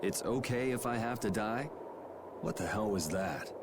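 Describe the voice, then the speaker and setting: A man's voice: fairly low pitch, moderate pace, lightly acted. An actor playing a blunt, defiant young male hero in a fantasy video game, with a casual, cocky delivery. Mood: annoyed. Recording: loud background noise and game ambience.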